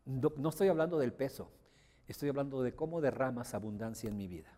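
A man leading a motivational seminar, emphatic and often asking his audience whether he is being clear. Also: mid-range voice, brisk, dark tone. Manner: emphatic, checks understanding with rhetorical questions. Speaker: motivational course instructor. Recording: long hall reverb.

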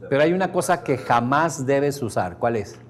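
A man's voice: mid-range voice, lively intonation, moderate pace. A man with a Mexican Spanish accent teaching a seminar group, explaining in a chatty way with everyday examples and checking in with his listeners. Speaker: seminar instructor. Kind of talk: workshop lecture to a live group. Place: seminar room with a live audience.

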